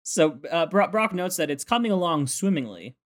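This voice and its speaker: Male podcast co-host, fairly high voice with very lively pitch, casual comedic recap delivery. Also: normal speed. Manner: animated, sweary, breaks into impressions.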